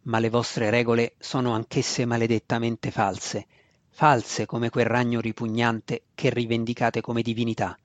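A man voicing a young male dark elf warrior, defiant and grave, speaking low, slow and with calm menace. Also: no echo, lightly acted. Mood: scornful.

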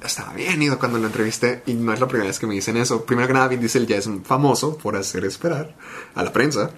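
Animated Mexican man telling a story. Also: medium pitch, fast. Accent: Mexican Spanish. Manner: animated storyteller, acts out quotes. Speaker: podcast co-host, entertainment reporter. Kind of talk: casual anecdote telling.

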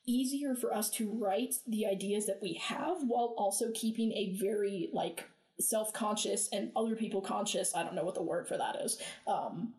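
A woman's voice: mid-range voice, moderate pace, a little mellow. A woman co-hosting a podcast in casual chat, rambling with many fillers and restarts. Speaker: podcast co-host. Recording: roomy echo.

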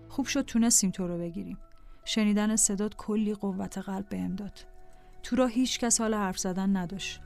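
A woman narrating a personal diary in a calm, scripted reading voice over faint music. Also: mid-range voice.

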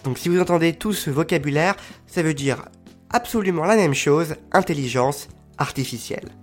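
A man's voice: on the high side, moderate pace, faint music behind. A man hosting a podcast, explaining step by step with frequent fillers. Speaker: podcast host.

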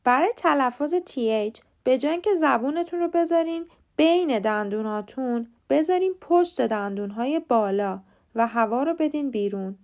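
A woman hosting a short podcast lesson, explaining pronunciation in clear, patient steps. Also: high voice, lively intonation, darkish tone. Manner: clear, patient step-by-step instruction. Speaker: podcast host teaching English pronunciation. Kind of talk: scripted lesson narration.

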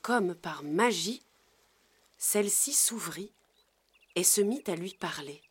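Slow, gentle woman storybook narrator. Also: fairly low pitch, animated, husky.

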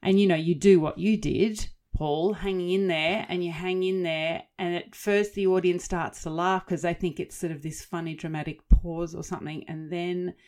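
A woman co-hosting a podcast, telling stories in lively casual chat with easy laughs and chatty asides. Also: lowish voice, moderate pace, hardly any pauses. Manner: animated storyteller, laughs easily, chatty asides. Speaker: podcast co-host.

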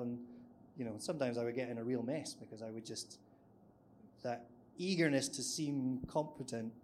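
A man's voice: medium pitch, darkish tone, slight background noise. A man on a writers' panel, speaking candidly and laughing at his own past nerves. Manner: candid, self-deprecating, acts out his own past worries. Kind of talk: live panel discussion.

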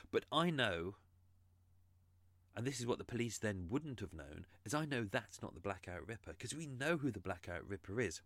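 A man's voice: fairly low pitch, fairly bright tone, dry recording. A man hosting a true crime podcast, explaining his research in an earnest, casual monologue.

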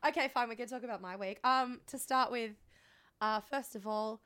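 An Australian woman co-hosting a podcast, hoarse and congested with a cold, telling frank, sweary, self-mocking anecdotes in casual chat. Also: on the high side, moderate pace, crowd noise. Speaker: podcast co-host.

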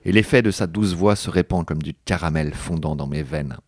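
A man's voice: sits low, lively intonation, normal speed, gravelly, a little mellow, no room sound, clean studio sound. A man co-hosting a podcast, reading a novel aloud in a joking, mock-dramatic way with banter. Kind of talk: comic book reading with banter.

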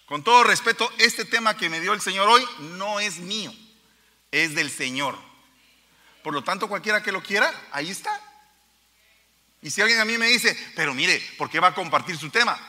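A man's voice: high voice, pushed and bright, long reverb tail. A man preaching a sermon to his congregation, emphatic and speaking straight to his listeners. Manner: emphatic, addresses the congregation directly.

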